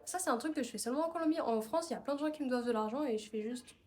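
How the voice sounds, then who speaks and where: A woman's voice: sits high, rapid-fire, a little mellow, a little hiss or hum. A young woman vlogging from home on her phone, chatting casually and a little irritated, with many fillers. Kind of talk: casual vlog chat.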